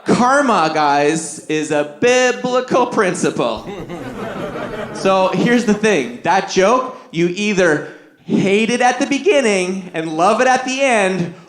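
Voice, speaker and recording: A middle-aged stand-up comedian from Canada, with a notably high voice for a man. He tells his stories in a lively way and slips into the voices of the people in them. The sound is roomy and echoey. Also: takes it slowly. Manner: lively storytelling, acting out other people's voices. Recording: echoey room.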